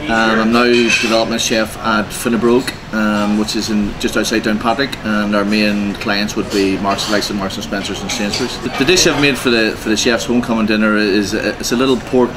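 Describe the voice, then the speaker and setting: A man from Donegal, a development chef, talking in a halting way with many restarts in an interview. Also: lowish voice, steady tone, noisy background. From Donegal, Ireland. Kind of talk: casual interview. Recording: crowd chatter behind.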